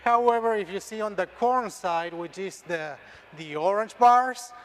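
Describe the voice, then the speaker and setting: A man's voice: sits high, a little slow. A middle-aged man from Argentina with an Argentine Spanish accent, presenting research slides at a conference, often restarting words and checking in with "okay?". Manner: frequent restarts and tag "okay?". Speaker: extension dairy scientist, presenter.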